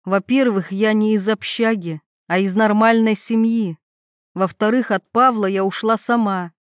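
A woman voicing a tough, defiant young woman who speaks in blunt, hoarse threats. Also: mid-range voice, steady tone, unhurried, no echo, studio quality, lightly acted. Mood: fierce angry.

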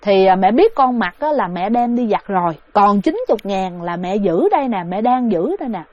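A woman voicing a grieving middle-aged mother who speaks slowly and soothingly. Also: medium pitch, lively intonation, a little mellow, lightly acted. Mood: tender. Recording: dull, dry recording.

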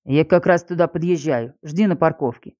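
An anxious young man, read by a woman narrator, talking in a hurried, urgent way. The voice is low and dark, as in an audiobook scene. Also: lightly acted.

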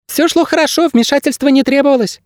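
A man voicing a smug little male bird guide in an audiobook, with a thin squeaky voice and an evasive, boastful manner. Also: fast, dry recording, studio quality. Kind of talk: audiobook character voice.

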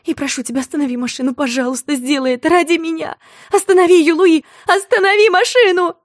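Woman doing a scared young woman, high and shrill, tearful begging, dry close mic. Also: quick pace, no echo, close to an everyday voice. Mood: screaming. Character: frightened young woman begging a driver to stop.

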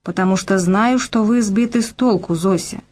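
A woman's voice: medium pitch, moderate pace, a little mellow, lightly acted. A woman reading an audiobook, voicing an earnest, persuasive male colonel in her own voice. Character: earnest middle-aged male Russian colonel.

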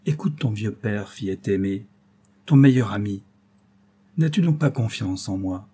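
A wealthy old father from a storybook, grave and earnest, lecturing his daughter with protective worry, read by a man in his own voice. The voice is mellow and slightly husky. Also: mid-range voice, normal speed, natural voice. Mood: tender. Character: anxious older wealthy banker, protective father.

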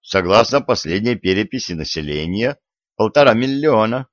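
A man's voice: on the low side, lively intonation, normal speed, no room sound, highs cut off, close to an everyday voice. A man voicing a weary, exasperated modern journalist who talks plainly, in an audiobook.

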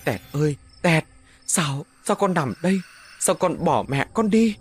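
Man playing a grieving mother, high wailing cries, husky. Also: lively intonation, a little slow, faint music behind. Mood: wailing grief. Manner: wailing, shrieking threats. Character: grieving enraged village mother, middle-aged woman.

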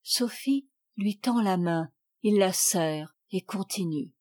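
A woman reading a children's storybook aloud with clear, expressive narration. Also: medium pitch, slow. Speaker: audiobook reader.

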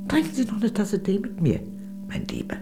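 In a radio play, an older woman plays a witty, worldly old lady, a former communist who is evasive yet gracious. Her medium-pitched, gravelly voice comes over music, animated yet unhurried, with a genteel, arch, wry and confiding delivery.

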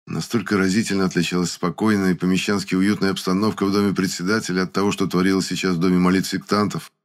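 A man reading a novel aloud as audiobook narration in a steady, measured way. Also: deep voice. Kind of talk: scripted narration.

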